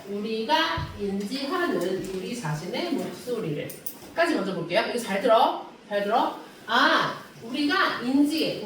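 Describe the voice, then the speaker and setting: A woman's voice: high-pitched, slight background noise. A woman English teacher giving a classroom lecture, asking her students question after question as she explains a reading passage. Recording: echoey room from a distance.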